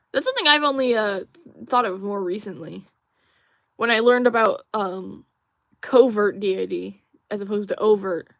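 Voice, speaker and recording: A woman's voice: mid-range voice, creaky, no echo. Rambling young woman streamer, dry sound. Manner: rambling, musing, many fillers and restarts; reads viewer chat aloud. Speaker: livestream host. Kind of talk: casual livestream chat while drawing.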